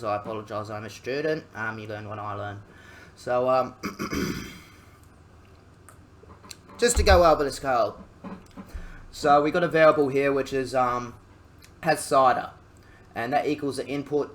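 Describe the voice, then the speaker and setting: A young Australian man, a student, talking through a coding tutorial in a halting, casual way, full of ums and jokey asides. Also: medium pitch, a bit bright, a little hiss or hum. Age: young adult.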